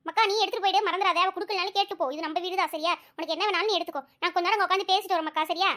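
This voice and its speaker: Woman doing a tearful, devoted cartoon mother, very high and quick. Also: fairly even intonation, sharp tone. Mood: caring. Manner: affectionate, tearful, talks in long runs. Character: caring village mother, emotional, devoted to family. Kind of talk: cartoon family drama voice acting.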